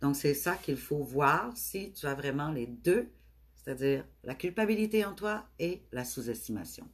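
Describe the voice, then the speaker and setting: Québécois woman, middle-aged, low voice, tender spiritual host, halting delivery. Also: expressive, husky. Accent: Québécois French. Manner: gentle, affectionate, with frequent hesitations. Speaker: spiritual speaker hosting a live stream. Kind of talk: live stream talk to viewers.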